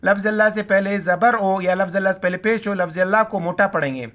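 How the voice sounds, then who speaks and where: A man teaching Quran pronunciation, spelling out letters and vowel marks syllable by syllable, and chanting the words slowly between quick explanations. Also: sits high, fairly bright tone. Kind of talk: pronunciation lesson with recitation.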